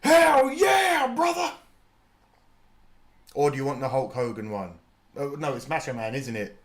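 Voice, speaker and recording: A man's voice: medium pitch, brisk, a little mellow. A British man in his thirties hosting a live watch party stream, chatting and joking with viewers and laughing often. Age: 30s. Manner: chatty and jokey, laughs often, swears casually. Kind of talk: live reaction chat.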